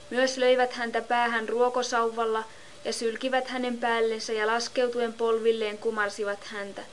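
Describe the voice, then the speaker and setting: A woman reading a Bible passage aloud in a steady, measured way. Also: a little high, slight background noise. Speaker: scripture reader.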